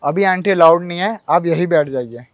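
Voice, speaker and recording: A man plays an overworked office guard who has run out of patience. His voice sits fairly high and turns sharp when he is ignored. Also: fairly quick, no room sound, lightly acted. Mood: irritated. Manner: exasperated and sharp. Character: harried, irritable male security guard. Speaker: security guard.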